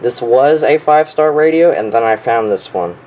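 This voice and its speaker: A young weather radio collector gives a casual show-and-tell, unscripted and eagerly offhand. His medium-pitched voice is darkish with lively intonation at a moderate pace, and the home recording has clear noise.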